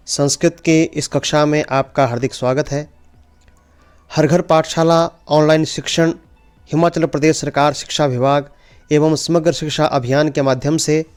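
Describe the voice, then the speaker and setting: A man teaching an online language lesson, slowly repeating each word for pupils to say after him. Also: fairly high pitch, a little mellow, smooth. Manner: slow, drills pronunciation by repeating words. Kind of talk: online Sanskrit lesson in Hindi.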